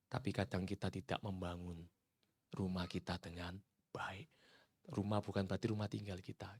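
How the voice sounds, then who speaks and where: A male pastor preaching a sermon, rising to loud emphatic peaks and dropping to hushed, near-whispered endings while addressing the congregation directly. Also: deep voice, husky.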